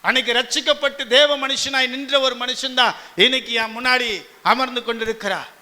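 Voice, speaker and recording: Fervent high-voiced preacher in a reverberant hall. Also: male voice, fairly even intonation, bright, forceful tone. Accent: Tamil Nadu. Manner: fervent preaching with rapid rhetorical questions. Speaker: pastor. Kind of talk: sermon. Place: church hall. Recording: long church hall reverb.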